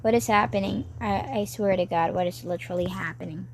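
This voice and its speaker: A woman talking to herself while animating on a tablet, rambling, cheering herself on and breaking into excited outbursts. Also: medium pitch, a little fast, a little hiss or hum. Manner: rambling, self-encouraging, chatty with sudden excited outbursts. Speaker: animator narrating her work. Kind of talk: casual talk while drawing.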